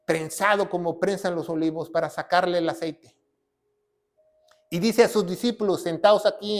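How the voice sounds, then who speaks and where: A man preaching as a pastor, his voice pitched high for a man. He lays out a Bible lesson in order, step by step, and keeps asking his listeners whether they are following. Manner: explains step by step, often checks in with the congregation. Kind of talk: Bible teaching sermon.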